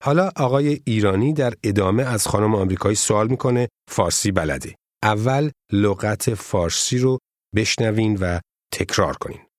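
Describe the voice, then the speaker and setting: A man narrating a scripted language lesson in a measured, formal teaching manner. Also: lowish voice, no room sound, clean studio sound.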